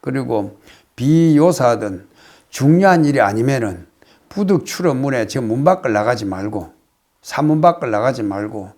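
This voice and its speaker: An older man from Korea, a Buddhist monk, giving a casual spoken lecture on a classical text, reciting phrases and then explaining them with many pauses. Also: mid-range voice, a little mellow. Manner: explains slowly, reciting phrases then paraphrasing, with frequent hesitations.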